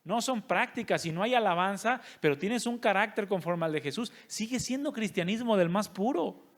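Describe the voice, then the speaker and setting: A man's voice: high-pitched, animated, moderate pace. A male pastor, preaching a sermon and putting rhetorical questions to his congregation. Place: church service.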